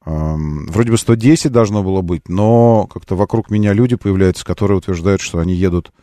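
A man hosting a live radio show, chatting casually with callers in a halting, thinking-aloud way. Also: deep voice, mellow, no room sound, studio quality. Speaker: radio host.

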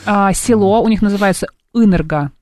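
A female radio co-host chatting in a studio. She answers her partner with quick, dry comebacks and laughs easily during the back-and-forth. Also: mid-range voice, a little mellow. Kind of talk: playful radio chat.

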